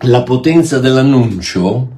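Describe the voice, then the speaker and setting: A man's voice: mid-range voice, animated, unhurried, slight background noise. Emphatic man preaching a sermon. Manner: emphatic, with rhetorical questions; swings between loud bursts and quiet asides.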